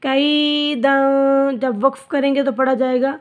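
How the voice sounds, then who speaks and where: A woman teaching Quran recitation, spelling out letters and vowel marks, then drawing out each word slowly for the learner. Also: high voice, fairly even intonation, faint music behind. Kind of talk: slow spelled-out recitation lesson.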